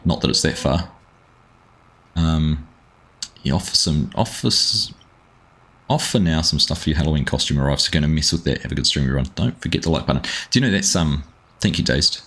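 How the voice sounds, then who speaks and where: A gaming livestreamer from New Zealand, with the accent to match, has an extremely low voice that's fairly bright with a breathy edge. While playing a farming game, he chats casually and rambles, greeting viewers by name.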